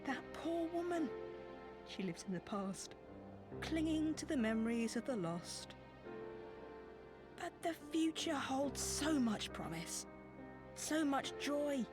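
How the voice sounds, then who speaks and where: Gentle, deferential servant, slow and high, over loud music. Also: female voice, animated. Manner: soft, halting, deferential. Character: meek, kindly servant, gentle and hopeful. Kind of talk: video game voice acting. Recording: loud game music behind.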